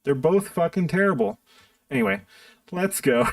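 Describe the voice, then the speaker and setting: A man's voice: high-pitched, expressive, normal speed, creaky, no room sound, recorded from a distance. A man streaming live, ranting bluntly and profanely in an exasperated tone. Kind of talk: live-stream commentary rant.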